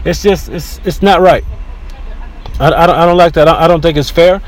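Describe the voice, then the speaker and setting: A man hosting a casual solo podcast from inside his car, talking in an opinionated, rambling way with frequent restarts, over a low-quality recording. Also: normal speed. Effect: low-quality in-car recording with faint background noise. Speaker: podcast host. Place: inside a car near a beach.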